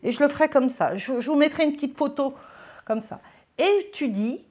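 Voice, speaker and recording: A woman vlogger walking viewers through a ritual step by step, chatty, constantly checking in with quick little questions. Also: high voice, animated, darkish tone. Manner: chatty, keeps checking in with "ok?" and "d'accord?"; slips between formal and familiar address. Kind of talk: casual how-to demonstration. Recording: dull lo-fi home recording.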